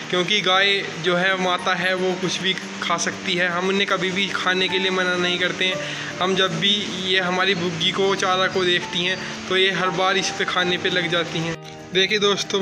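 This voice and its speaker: High, flat-voiced young village vlogger. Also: male voice, poor audio. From Uttar Pradesh, India. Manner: guides viewers, keeps saying "friends". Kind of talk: casual walking tour vlog. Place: outdoors in village fields and lanes. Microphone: phone held at arm's length. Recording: loud background music under voice. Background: music.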